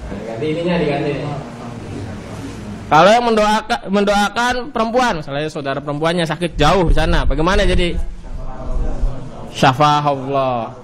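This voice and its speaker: A man with an Indonesian accent teaching an Arabic grammar lesson, drilling each form with a rising cue and a falling answer, and drawing out the Arabic words slowly. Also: on the high side, lively intonation, slight background noise. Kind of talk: classroom lesson.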